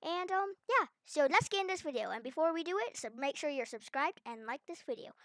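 Bright, excitable woman gaming host. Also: sits high, a little fast, no room sound. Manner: chatty and excitable, talks to herself while exploring. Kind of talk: playful gameplay commentary.

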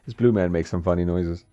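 A man with a low, warm voice chats through a let's-play, often chuckling and replying to the game's characters. It's a dry recording from a slightly dull lo-fi mic, with game music behind him.

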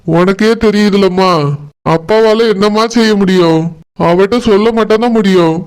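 A voice actor playing a gentle soothing father. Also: medium pitch, moderate pace, clean tone, natural voice. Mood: consoling. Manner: soft, soothing. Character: gentle helpless father consoling daughter. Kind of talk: cartoon voice acting.

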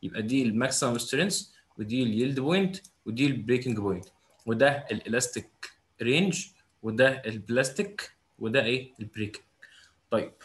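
Quick-paced and mid-range, this young man's voice carries an Egyptian Arabic accent as he teaches a physics lesson. In his classroom lecture he keeps asking questions and answering them himself.

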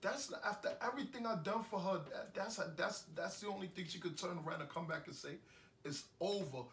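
A man's voice: sits high, brisk, a bit bright. An actor with a New York accent playing a heartbroken young man who rambles bitterly and repeats himself in an indie film monologue. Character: heartbroken young man ranting after breakup. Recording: echoey room, voice from a distance.

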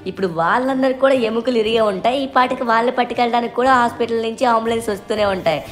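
Woman playing a high rapid-fire cheeky little boy, faint music behind. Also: natural voice. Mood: chatty. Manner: chattering, excited. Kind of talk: fan dub of game footage.

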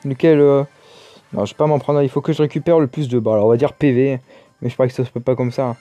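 A man's voice: mid-range voice, steady tone, fast, dark tone, dry recording, dull audio. A man giving casual, chatty commentary over his own gameplay, exclaiming and muttering to himself as he plays. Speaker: gaming YouTuber.

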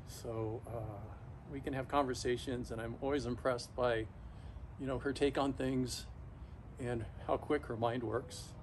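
Slow-talking middle-aged man shivering in ice-cold water. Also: medium pitch, steady tone. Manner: halting, pausing often mid-thought. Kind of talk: casual solo vlog, talking to camera. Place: backyard, outdoors, in an ice bath. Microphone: camera a few metres away. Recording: noisy outdoor recording, ambient hum.

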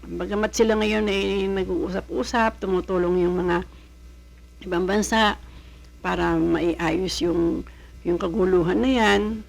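A woman from the Philippines talks to her viewers in a loose, advice-giving vlog. Her voice has a creaky, gravelly edge at a middling pitch. She rambles and stops often to search for the right word. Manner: rambling, searching for words with many fillers. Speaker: vlogger who worked abroad. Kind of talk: casual advice-giving talk.

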